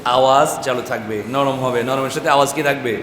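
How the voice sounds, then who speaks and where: In a large, echoey madrasa classroom, a man teaches a tajweed lesson on Quran recitation, quizzing students and drilling chanted syllables again and again. His voice is medium-pitched and brisk with fairly even intonation. The recording captures an echoey hall and a noisy class.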